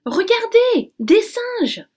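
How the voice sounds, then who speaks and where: A woman's voice: high-pitched, a little slow. A woman voicing a boastful, peremptory male blackbird in a storybook reading. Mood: shouting. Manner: excitable, peremptory, shouting exclamations.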